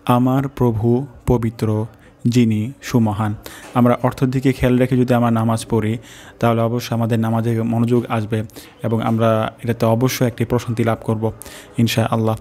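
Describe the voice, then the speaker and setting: A man gives a recitation lesson in a level, even tone that hardly rises or falls. He breaks words into syllables and draws each one out slowly so learners can follow. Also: mid-range voice. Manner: slow, drawn-out demonstration of each syllable. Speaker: teacher of prayer pronunciation.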